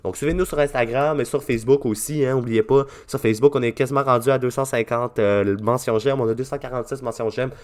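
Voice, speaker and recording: A man's voice: mid-range voice, fairly even intonation, quick pace, few pauses, a little mellow. A man with a Québécois French accent hosting a radio show, talking casually with many fillers and restarts. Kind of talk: casual radio talk and interview.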